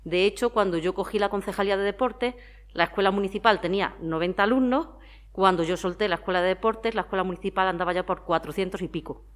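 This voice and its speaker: At a quick pace and medium pitch, a woman in her forties with a Spanish accent from Madrid answers an interviewer conversationally and at length. The former athlete and town sports councillor explains things through examples.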